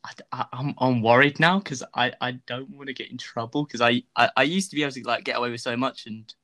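A man's voice: mid-range voice, fairly even intonation, fast, pushed and bright. A young man chatting casually as an interview guest, rambling, laughing and self-deprecating. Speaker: guest, fan video creator.

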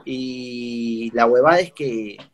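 A man's voice: mid-range voice, takes it slowly. A man with a Peruvian accent telling a crude anecdote in casual chat, full of slang. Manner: crude, slang-heavy storytelling.

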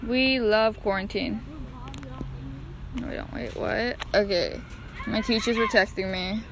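A woman's voice: mid-range voice, measured pace, a crowd in the background. A teenage girl chatting and teasing her friend for a vlog. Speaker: vlog co-host. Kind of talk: casual chat. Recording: noisy background.

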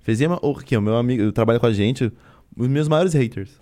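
A man's voice: medium pitch, fast talker, warm tone. A young man with a Brazilian Portuguese accent, chatting casually and full of informal slang as a host. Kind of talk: casual chat.

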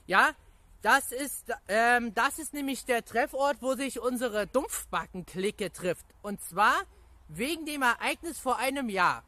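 A gaming YouTuber rambling excitedly through a casual video reply to viewers, full of pet phrases and laughter. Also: mid-range voice, a little slow, dry recording. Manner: rambling, chatty, repeats catchphrases and fillers.

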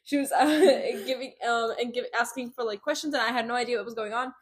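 A woman co-hosting a casual book podcast, talking in excited, rambling bursts and swearing freely. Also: fairly high pitch, fast, husky. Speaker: podcast co-host. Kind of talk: casual chat.

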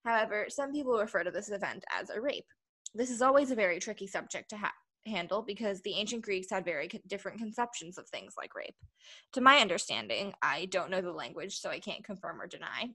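A woman hosting a casual podcast, her tone bright and forward. She explains things carefully and qualifies what she isn't sure of. She keeps the discussion moving and steers it back to her script. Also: mid-range voice, lively intonation, fairly quick, breathy edge. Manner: explanatory, hedging. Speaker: podcast host.

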